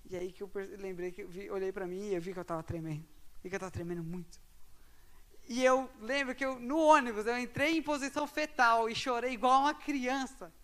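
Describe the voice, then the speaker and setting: A man telling a personal story to an audience, animated and swinging between loud bursts and quiet asides. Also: sits high, brisk. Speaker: speaker at a talk.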